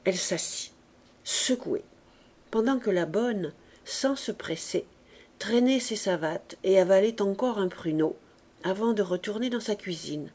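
A woman narrating a classic novel as an audiobook reader, in a clear, measured literary reading. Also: mid-range voice, lively intonation, a little mellow.

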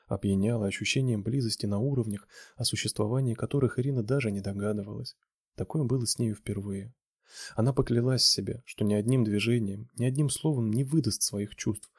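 A man reading a romance novel aloud in a steady, measured narration. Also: medium pitch, slightly rough, dry recording, studio quality. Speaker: audiobook reader.

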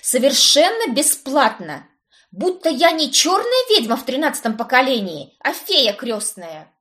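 A woman reading a first-person audiobook in a lively, expressive way. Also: sits high, measured pace. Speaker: audiobook narrator.

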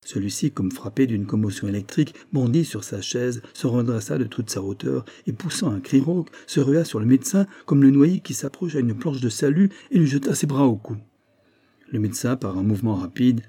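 A man reading a classic story aloud in a measured, dramatic way. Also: on the low side, warm tone, husky. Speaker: audiobook reader. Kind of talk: scripted narration of a classic story.

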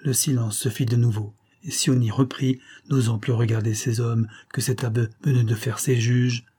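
Man, audiobook reader, warm mellow voice, husky, dramatic narration. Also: medium pitch, level tone, normal speed. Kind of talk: reading a serialized adventure novel.

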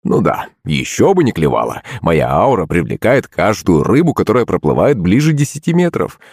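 A man narrating an audiobook in an expressive, conversational manner. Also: low voice, moderate pace, husky, no echo, studio quality.

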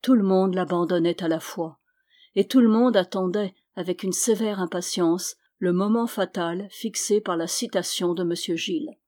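A woman narrating an audiobook in a measured, expressive way. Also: lowish voice. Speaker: audiobook reader.

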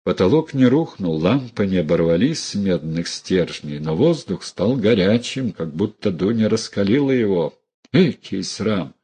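A man narrating a novel as an audiobook, with expressive storytelling. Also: low voice, moderate pace, few pauses, slightly rough.

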